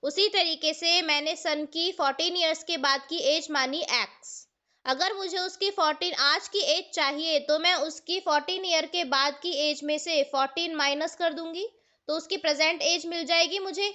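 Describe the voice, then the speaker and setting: Bright-voiced Indian woman teaching maths. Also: very high voice. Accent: Indian English. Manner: explains step by step, asks the students questions, mixes Hindi and English. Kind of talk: online class lecture. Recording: dull lo-fi online class audio.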